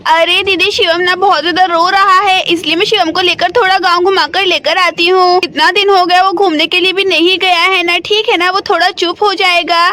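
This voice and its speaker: Gentle young mother for a doll story, played by a woman; bright and high. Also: steady tone, normal speed, few pauses. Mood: caring.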